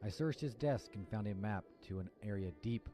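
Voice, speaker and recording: A man reading game narration for a worried young man hunting a lost professor, in a flat scripted way, with his voice run through a voice changer with a slight pitch shift. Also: normal speed, soft background music.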